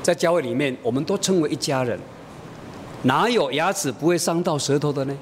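A middle-aged male pastor, his voice sitting a little high for a man, tells a homely family story from the pulpit and acts out the voices as he goes. Long reverb from the church hall trails behind him, over a faint low rumble. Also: a little fast. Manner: homely storytelling, acting out dialogue. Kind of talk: sermon illustrated with a family story.

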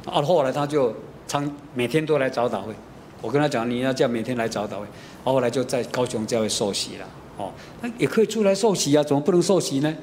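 A man's voice: medium pitch, expressive, quick pace, darkish tone, slight background noise. A middle-aged man with a Taiwanese Mandarin accent preaching a sermon. He tells stories with many fillers and slips into Taiwanese.

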